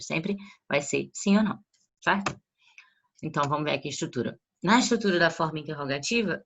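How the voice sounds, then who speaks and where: A woman's voice: low voice, fairly bright tone. A woman teacher with a Brazilian Portuguese accent explaining an English grammar lesson in a casual way, often checking that her students follow. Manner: checks understanding with frequent tag questions.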